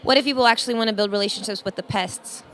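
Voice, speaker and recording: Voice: mid-range voice, very fast, a bit bright. An interviewer asking brief, direct questions at a conference.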